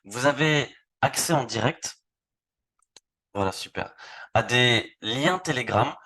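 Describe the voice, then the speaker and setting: A man from France hosts a live online presentation at a middling pitch. He talks loosely and often stumbles over repeated words while showing pages on screen. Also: lively intonation, slow pace, pushed and bright. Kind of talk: live webinar product demo.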